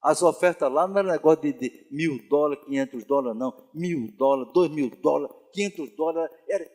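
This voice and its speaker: A man, a pastor giving a Bible study sermon with animated storytelling and rhetorical questions to the congregation. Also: on the high side, brisk. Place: church hall. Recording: reverberant church hall.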